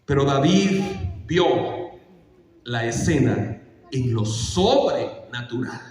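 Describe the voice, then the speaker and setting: A man's voice: medium pitch, lively intonation, slow, darkish tone. A man preaching a sermon, telling a story with animation and asking his congregation questions. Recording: echoey church hall, mic far off.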